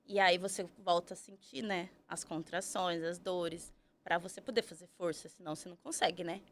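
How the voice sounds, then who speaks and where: A woman's voice: on the low side, fairly even intonation, a little fast, slight background noise. A woman, telling her story as a podcast guest, chatty and full of tag questions. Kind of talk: casual storytelling.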